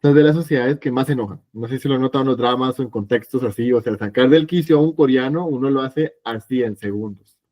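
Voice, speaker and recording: A man teaching an evening language class, patient and explanatory, slowly repeating sounds for his students. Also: mid-range voice, darkish tone. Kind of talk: online class lesson.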